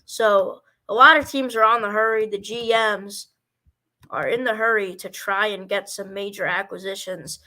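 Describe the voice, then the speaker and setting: Male baseball commentator, high bright tone, loose rambling amateur play-by-play with name stumbles. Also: moderate pace. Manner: rambling, stumbles over player names.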